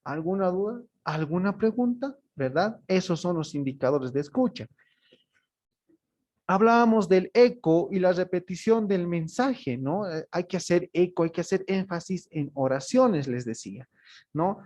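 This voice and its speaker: Male instructor, slightly higher pitch, explanatory lecture delivery. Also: lively intonation, unhurried, darkish tone. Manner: explanatory, ends phrases with tag questions. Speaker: teacher. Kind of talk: online class lecture.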